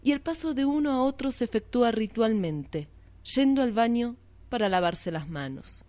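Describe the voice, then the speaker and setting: A woman hosting a radio art show, reading a literary text slowly and reflectively, asking and answering her own questions. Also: fairly high pitch, lively intonation, a little mellow, no room sound.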